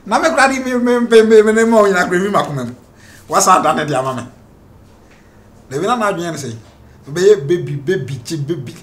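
A man's voice: fairly high pitch, animated, quick pace, close to an everyday voice. An actor playing a man who speaks in Twi with a Ghanaian accent, rambling. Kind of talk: comedy drama acting.

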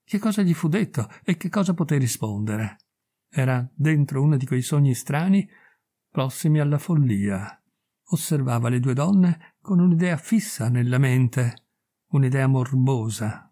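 A man reading a classic short story aloud in measured, expressive narration. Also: mid-range voice. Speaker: audiobook reader. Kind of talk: scripted literary narration.

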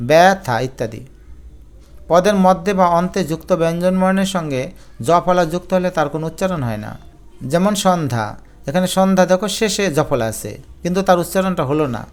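A man teaches grammar for an exam, his voice pitched a little high and resonant. He walks through each rule patiently and repeats the examples. He keeps turning to his students to address them directly. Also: smooth. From Bangladesh. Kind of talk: exam-prep grammar lesson.

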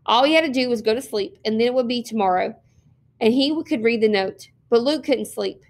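A woman reads a children's novel aloud to her listeners as a teacher. Her voice sits a little high, and she narrates steadily and expressively, with an occasional slip or restart. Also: fairly quick. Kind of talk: read-aloud storytelling.

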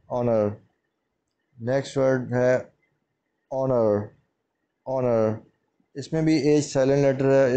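A man teaching English pronunciation as a lesson, repeating each word slowly and explaining its meaning. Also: medium pitch, dark tone, muffled recording.

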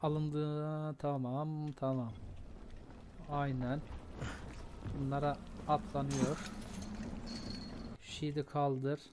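A young man casually commenting on his own gameplay, talking slowly and breaking into loud shouts when fights start. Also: a little high, little pitch movement, background noise. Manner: slow, drawn-out talk breaking into loud shouts during fights. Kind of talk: casual let's-play commentary.

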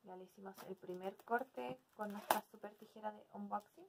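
Casting: young adult woman, mid-pitched voice, hesitant and casual, as an unboxing vlog host. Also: moderate pace, gravelly, very noisy. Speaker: video host. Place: small decorated room indoors.

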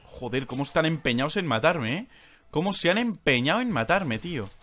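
A young man with a Spain Spanish accent comments on his game live, swinging between shouted outbursts and low muttering. His voice is bright and slightly high, with lively pitch. Faint music plays behind him. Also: fairly quick. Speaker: streamer.

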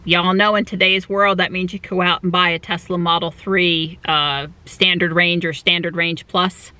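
A woman's voice: on the low side, flat delivery, moderate pace, bright, forceful tone, no echo. A woman talking inside a parked car, chatty and informal as she explains things in a casual vlog style. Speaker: electric car vlogger. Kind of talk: casual vlog narration to camera.

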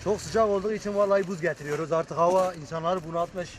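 A man's voice: high-pitched, steady tone, fast talker. Man chatting on a noisy street. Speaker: street sherbet vendor. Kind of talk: casual interview answer. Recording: outdoor city street noise.

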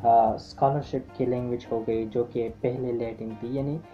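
A woman giving a lecture-style lesson, hesitant, often pausing on filler sounds and restarting her phrases. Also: rumbling low, steady tone. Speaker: teacher. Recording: dull lo-fi with faint music.

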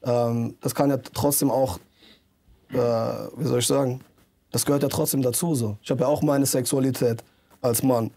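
Mellow-voiced man rambling in a studio interview. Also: mid-range voice, fairly even intonation, normal speed, creaky, breathy edge. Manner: rambling, earnest, many fillers and restarts. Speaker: rapper, interview guest. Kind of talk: casual interview talk. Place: music recording studio. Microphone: handheld mic held by interviewer.

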